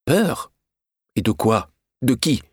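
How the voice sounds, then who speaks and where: A man's voice: mid-range voice, very animated, slow pace, breathy edge, no room sound, pitched above the performer's own voice, full character voice. A man reading a storybook, voicing an imperious wealthy widow who scolds her young maid. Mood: impatient. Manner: scolding, sharp and condescending. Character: haughty wealthy woman in mourning, imperious.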